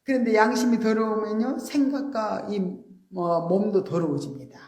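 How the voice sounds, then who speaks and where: A woman's voice: mid-range voice, normal speed. Woman preaching in an echoey church. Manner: earnest explanatory preaching with soft polite endings. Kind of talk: sermon. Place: church sanctuary.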